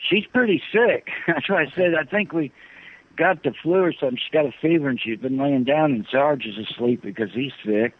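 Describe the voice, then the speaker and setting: A man calling in to an interview over a phone line, talking in a halting, earnest way and often repeating himself. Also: fairly high pitch, breathy edge. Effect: phone line, heard over the phone. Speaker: phone-in guest. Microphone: telephone, satellite phone. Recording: tinny narrow-band phone line.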